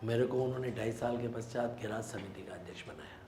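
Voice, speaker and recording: A man's voice: medium pitch, fast, dark tone, reverberant, faint music behind. A man from Rajasthan, a local politician, giving earnest, emphatic answers in a sit-down interview.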